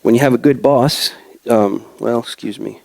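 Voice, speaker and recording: A young adult man preaching a church sermon in a halting way, with many fillers and restarts. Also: mid-range voice, vocal fry, darkish tone, no echo.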